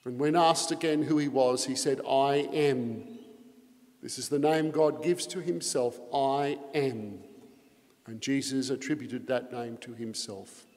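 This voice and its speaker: A man's voice: mid-range voice, fairly even intonation, a little slow, a little mellow. A man serving as priest reads the gospel and then preaches a homily with earnest emphasis, his voice carried by a cathedral echo. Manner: earnest preaching with strong emphasis on key phrases. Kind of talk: Mass gospel reading and homily. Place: large church. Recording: long echoing reverb of a large church.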